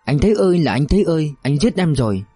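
A man's voice: a little high, big pitch swings, fast talker, dark tone, breathy edge, no echo, soft background music, pitched above the performer's own voice. A man voicing a young woman in labor who cries out and laments, in a storybook reading. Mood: anguished. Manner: crying out, lamenting.

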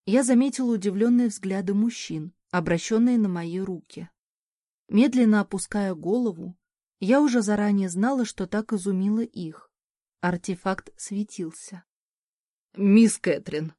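A woman reads a first-person novel in an even, measured way. Her tone is dark and mellow, and the recording is close and dry with no room sound. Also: medium pitch, dry recording. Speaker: audiobook narrator. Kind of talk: scripted first-person narration.

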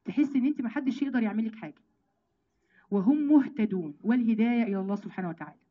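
A woman with an Egyptian accent giving an emphatic religious lesson to women, calling them sisters and slowing down to recite verses. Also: fairly high pitch, phone-quality sound. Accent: Egyptian Arabic. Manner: lively, emphatic, addresses listeners as sisters, slows down to recite verses. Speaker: Quran teacher.

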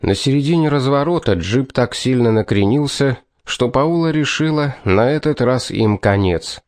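A man narrates an audiobook in a steady, even manner. His voice sits in a middle range, and the recording is dry and close. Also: medium pitch, normal speed, no echo. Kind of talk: scripted narration.

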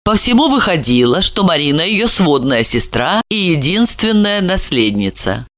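A woman's voice: lowish voice, sing-song, moderate pace, a bit bright. A woman narrating a dramatic story as an audiobook reading.

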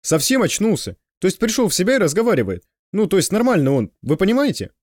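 A man voicing an older, fussy, hard-drinking male guide who talks in an excitable, insistent way. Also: sits high, fast, dry recording, clean studio sound, pitched above the performer's own voice, heavily acted.

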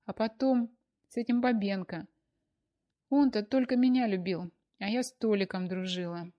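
A woman's voice: medium pitch, moderate pace, highs cut off, natural voice. A woman voicing an exhausted young woman who blames herself and complains tearfully, in an audiobook. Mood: distraught. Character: weary, self-blaming young woman. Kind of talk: audiobook character voice.

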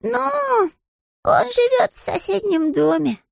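A man voicing a small, polite young male bear who is earnest and naive, in a squeaky, innocent way. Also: expressive, measured pace, vocal fry, no room sound, studio quality, exaggerated voice.

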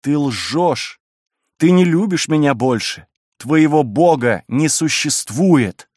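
Defiant in mood, a man plays a wild, passionate young woman, raising his pitch and speaking in a pleading, impassioned way with lively intonation. He takes it slowly, his tone darkish, in a dry room without echo.

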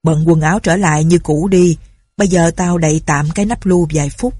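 A scheming old former pirate chief in a storybook, bossy and gruff, put on by a woman reader. He speaks in a low, warm, husky voice. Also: brisk, no echo, clean studio sound. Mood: commanding.

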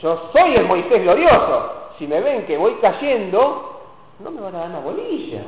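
A man's voice: high voice, very animated, a little slow. A man with a Rioplatense accent voicing Moses in a sermon, a proud old male prophet speaking bluntly and colloquially. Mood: defiant. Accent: Rioplatense Spanish. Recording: echoey hall over a tinny phone-like line.

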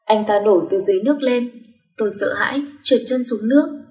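Brief: higher-voiced woman, wistful first-person storyteller, roomy echo. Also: brisk. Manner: gentle, wistful storytelling, voicing every character herself.

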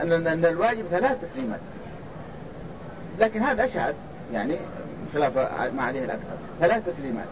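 A man teaching a religious text in a classroom lecture, restating his points and quizzing his students. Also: fairly high pitch. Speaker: sheikh teaching a hadith commentary. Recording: dull lo-fi sound with loud background noise.

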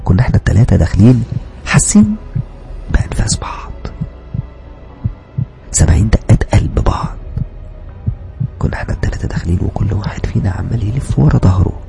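Egyptian man narrating horror, low gravelly voice, whispers and urgent outbursts, music underneath. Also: big pitch swings, a little fast, pauses often. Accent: Egyptian Arabic. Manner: shifts between hushed whispers and loud, urgent lines. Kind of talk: dramatic horror story narration. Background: background music.

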